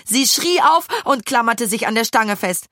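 A woman narrating a children's storybook in an expressive storytelling manner. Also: fairly high pitch, moderate pace, no room sound, studio quality. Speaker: audiobook narrator.

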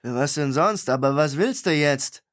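A male audiobook reader voicing a grubby, gruff middle-aged tavern keeper who talks bluntly in coarse slang. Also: fairly high pitch, lively intonation, normal speed, fairly bright tone, pitched above the performer's own voice.

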